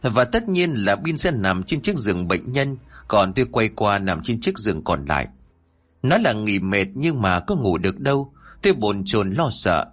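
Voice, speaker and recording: This is a low, husky-voiced man reading a horror story aloud. His delivery is expressive and lively, rising and falling often. He tells it as a scripted first-person narration. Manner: expressive, shifts pitch for emotional moments.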